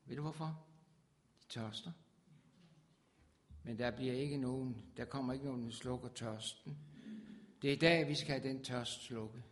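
Man, preacher, fervent sermon, mid pitch, loud swells on scripture. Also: pauses often.

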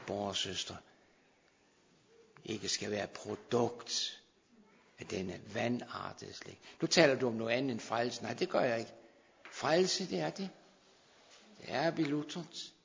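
Fervent preacher man, gravelly, echoing hall. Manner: fervent, exhorting, swells loud then drops low. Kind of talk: sermon. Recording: dull, long-reverb hall sound.

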